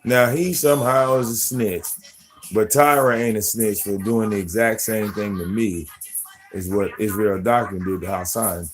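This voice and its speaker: A man's voice: lowish voice, fairly even intonation, normal speed, soft background music. Blunt, profane man ranting on a live stream. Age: 40s. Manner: drops into soft baby talk with his pets. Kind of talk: casual live-stream rant.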